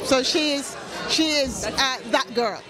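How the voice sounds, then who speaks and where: A woman's voice: sits high, measured pace. A woman speaking as an event founder in an interview, earnest and emphatic, repeating phrases like a speech. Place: event red carpet. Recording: lively crowd noise behind.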